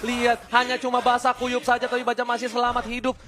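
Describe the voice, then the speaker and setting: A very high-pitched man with an Indonesian accent does hyped game announcer play-by-play. His delivery is theatrical and excitable, built for big dramatic calls. Clear noise sits behind his voice. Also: quick pace. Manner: excitable, theatrical shouted calls with English catchphrases. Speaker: esports shoutcaster.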